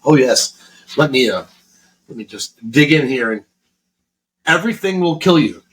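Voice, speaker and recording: A Florida man co-hosts a podcast, rambling through a loose conversation full of swearing and false starts. His voice is mid-pitched, expressive and fairly bright, delivered at a moderate pace on a low-quality recording.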